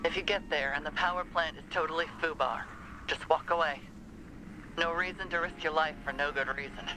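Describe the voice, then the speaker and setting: An actor playing a sheriff in a game, speaking with wry authority over a walkie-talkie. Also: male voice, fairly high pitch, fairly even intonation, a little fast, background noise.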